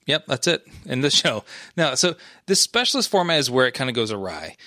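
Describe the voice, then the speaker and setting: A man co-hosts a laid-back gaming podcast and works through his points with frequent restarts and fillers. His voice sits at an ordinary pitch and is recorded close and dry, with no room sound. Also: big pitch swings, fairly quick, pushed and bright, no room sound. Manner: rambling, many restarts and fillers. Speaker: podcast co-host. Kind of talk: casual esports chat.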